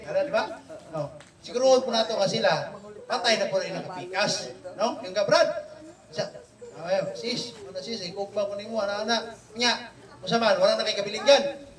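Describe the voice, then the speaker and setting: A man with a high, light voice leads a family Bible study, animated and teasing, tossing "no?" at his listeners every few phrases. He sounds set back from the mic in an echoey room. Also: recorded from a distance. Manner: animated, teasing, keeps checking in with "no?". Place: home room with family gathered.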